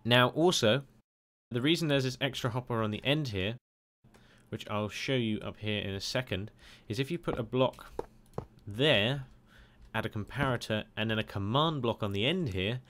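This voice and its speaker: A man's voice: mid-range voice, moderate pace, fairly bright tone, a little hiss or hum. A man casually narrating a game tutorial over a screen recording, chatty and rambling with lots of "uh"s. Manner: rambling, chatty, many filler "uh"s.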